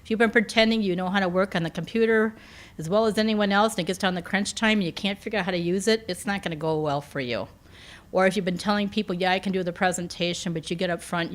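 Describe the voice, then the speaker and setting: Woman coughing, voice giving out. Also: lowish voice. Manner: conversational, with frequent "um" and self-corrections. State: slightly losing her voice, occasional coughs. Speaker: campus career development speaker. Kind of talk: informal talk to a campus audience. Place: campus meeting room.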